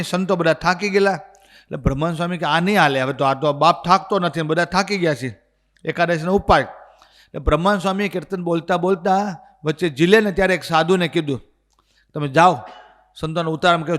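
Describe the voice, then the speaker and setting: A man with a Gujarati accent, telling religious stories as a sermon and acting out the dialogue with energy. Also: a little high. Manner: animated storyteller acting out dialogue. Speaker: swami giving a religious discourse. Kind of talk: storytelling sermon. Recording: long hall reverb.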